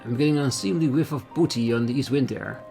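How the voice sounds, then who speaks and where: Male actor as gruff old sea dog, pirate fisherman talk, boastful, hearty game character, gravelly, soft music underneath. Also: medium pitch, fast, close to an everyday voice. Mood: eager, hearty. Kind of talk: video game character acting.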